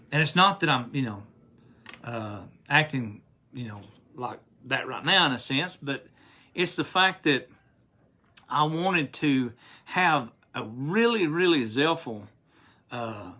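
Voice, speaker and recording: A longtime male preacher, now recovering after a hospital stay, gives a meandering, heartfelt devotional talk, often restarting his sentences and reading scripture aloud. His mid-range voice sounds bright and pushed, and his manner is sincere and emotional.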